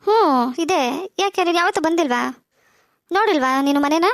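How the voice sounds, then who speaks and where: A bossy, sassy teenage girl from a cartoon, voiced by a woman fires off her lines quickly in a high voice. The sound is dry and close. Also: expressive, no echo. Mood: chatty. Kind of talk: cartoon voice acting.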